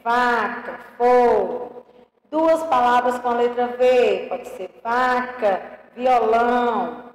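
Slow-talking Brazilian teacher, roomy echo. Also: female voice, a little high, a little mellow. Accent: Brazilian Portuguese. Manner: slow, patient, stretches out example words; checks in often with "ok?" and "tá?". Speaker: primary school teacher. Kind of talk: online class lesson. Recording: roomy with long reverb.

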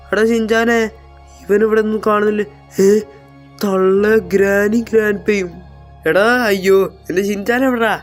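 A man role-playing a gangster in a game, talking to his viewers loudly, dramatically and in a panicky, bossy way. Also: sits high. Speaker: gameplay streamer.

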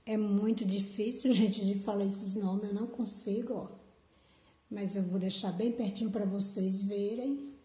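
Woman slowly cooing over her plants on her vlog, soft dark voice, echoey room. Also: medium pitch, steady tone. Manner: gushing, affectionate, repeats "gente". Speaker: orchid channel host. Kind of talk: casual unboxing vlog.

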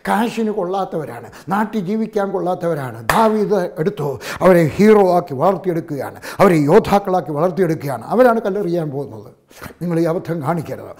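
A man's voice: a little high, warm tone. A man with a Malayali accent preaching a sermon as pastor, emphatic and full of hallelujahs. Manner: emphatic preaching with frequent hallelujahs, rising and dropping in volume.

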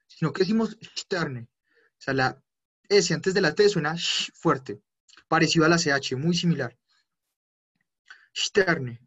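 With a slightly high voice and dull audio, a male teacher leads a live German lesson online. He takes his time explaining, spells out the endings, and often stops to correct himself.

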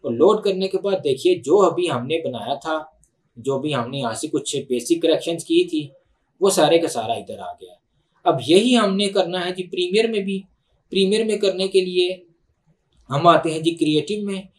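A man with a Pakistani Urdu accent walks through a software tutorial at his computer, unhurried and thinking aloud with fillers and restarts. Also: fairly high pitch, lively intonation. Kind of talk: screen-recorded tutorial explanation.

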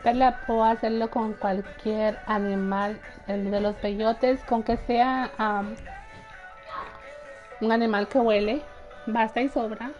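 A woman's voice: on the high side, fairly even intonation, slow, darkish tone, lo-fi sound. A young woman chatting casually while livestreaming a game, often laughing and greeting her viewers. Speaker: gaming livestreamer. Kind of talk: casual live gameplay chat. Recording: faint game music behind.

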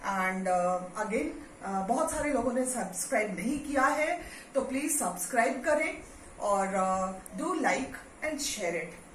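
A woman teacher with an Indian accent giving a spoken English pronunciation lesson, drilling words slowly and switching between English and Hindi. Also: on the high side, animated. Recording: echoey room, distant mic, faint hiss.

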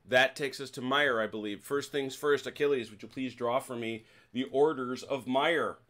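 A man's voice: mid-range voice, normal speed, fairly bright tone. Chatty man running a tabletop wargame. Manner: chatty, explanatory. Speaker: game master. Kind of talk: explaining rules during a tabletop wargame.

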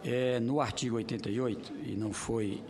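A middle-aged Brazilian man, a senator giving a semi-formal committee speech, halting and circling back to rephrase. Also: medium pitch, steady tone, a crowd in the background. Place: large Senate committee room, indoors. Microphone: desk gooseneck microphone.

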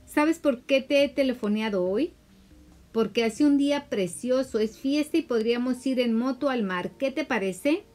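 Woman reading as tender young girlfriend, coaxing, a bit higher and brighter than her narration. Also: normal speed, faint music behind, close to an everyday voice.

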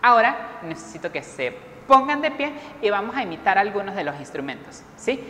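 Energetic woman music teacher, echoey room. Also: mid-range voice, brisk, a little hiss or hum. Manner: lively, encouraging, leads children in rhythmic sound imitations. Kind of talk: online music class for young children. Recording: echoey room with long reverb.

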